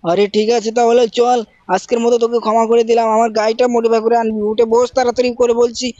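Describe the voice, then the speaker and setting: A gaming channel host narrating gameplay and scolding characters in a loud, theatrical role-play. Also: medium pitch, flat delivery, quick pace, dry recording. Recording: dry, dull lo-fi mic.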